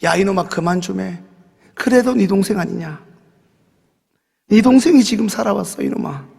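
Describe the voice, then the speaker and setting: A man's voice: high voice, moderate pace, creaky. A male pastor voicing a grieving father who tenderly blames himself and then scolds his elder son. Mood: exasperated. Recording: reverberant church sanctuary.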